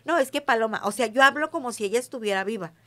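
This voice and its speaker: A self-proclaimed witch being interviewed, this middle-aged woman speaks Mexican-accented Spanish, slightly high and fast with a fairly bright tone. She's chatty and emphatic, regularly asking "¿sí me entiendes?"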